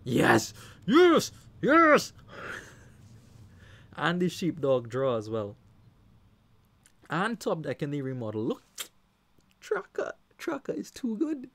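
A gravelly, fairly high-pitched male voice speaks slowly with long pauses, commentating live on a card game in a Trinidadian accent. Still animated, he talks to the players and shouts when excited by big plays.

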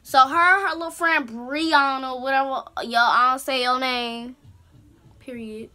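A woman vlogger in her bedroom telling a story time in an animated, slangy, rambling way, with lots of asides. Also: sits high, unhurried. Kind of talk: casual story time monologue. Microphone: camera's built-in mic.

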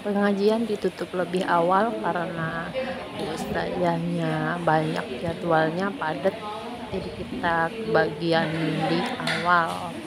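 A woman narrates a casual vlog at a slow, unhurried pace. Her voice sits slightly low, and a loud crowd of people chatters behind her. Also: little pitch movement, low-quality recording. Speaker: vlogger.

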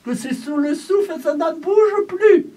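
A woman's voice: very high-pitched, unhurried, dark tone. A woman voice teacher coaching a singing lesson, breaking off her instructions to demonstrate sung vowels. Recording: voice from far off the mic.

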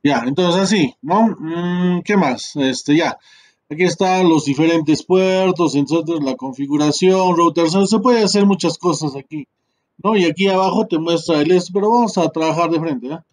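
A man's voice: on the high side, normal speed. A man teaching a class through a screen-share tutorial, talking in a chatty way with many fillers and tag questions.

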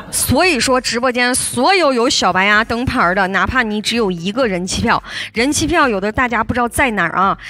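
A young woman hosting a livestream, coaxing viewers to send gifts in a lively way with frequent laughter. Her voice is slightly hoarse. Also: fairly high pitch. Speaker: livestream host. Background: loud backing music.

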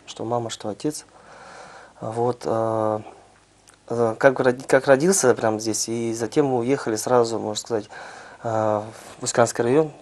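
A man of about thirty from the Altai Republic, telling his life story as a studio guest, speaking in a halting, modest way on a lapel mic. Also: on the low side, a little mellow, a little hiss or hum. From Altai Republic, Russia. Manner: halting, many fillers and restarts, plain and modest. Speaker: guest, sambo world champion. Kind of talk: interview, personal story. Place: small TV studio with sofas.

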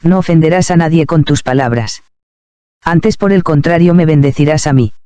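A man reading the measured, grave lines of a stern yet tender male divine voice in a devotional story. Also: on the high side, mellow, clean tone, no echo, close to an everyday voice.

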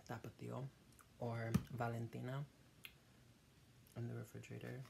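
A young adult with a gravelly voice, chatting casually between mouthfuls of crunchy chips in a home eating video. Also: mid-range voice, completely flat delivery, very noisy. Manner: eating crunchy chips while talking, with pauses to chew. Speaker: vlogger hosting an eating video. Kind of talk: casual eat-with-me mukbang chat. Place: small dim room at home.

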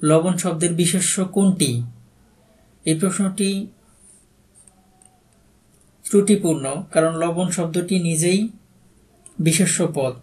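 A slightly high, somewhat mellow voice belongs to an exam prep tutor with a Bangladeshi Bengali accent, who speaks slowly with fairly even intonation and long pauses. He reads each quiz question, then gives the answer plainly and briefly explains it.

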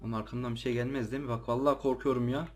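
Male gamer, mid-pitched voice, nervous chatter, quick to yelp when spooked. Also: steady tone. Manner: jumpy, easily startled, slangy chatter to viewers. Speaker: let's play gamer. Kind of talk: casual gameplay commentary.

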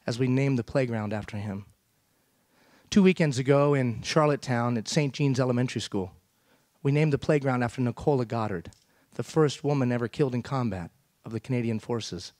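This middle-aged Iranian keynote speaker has a mid-range, slightly mellow voice as he gives an emphatic motivational address on a large theater stage, often tossing questions to the audience. The headset mic recording is dry.

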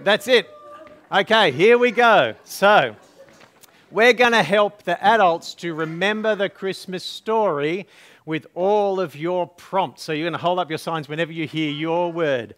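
A man pastor with a fairly high voice runs a Christmas story at a church service. He talks slowly and playfully, coaching the crowd through call-and-response prompts. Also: fairly bright tone. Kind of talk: leading a Christmas children's story.

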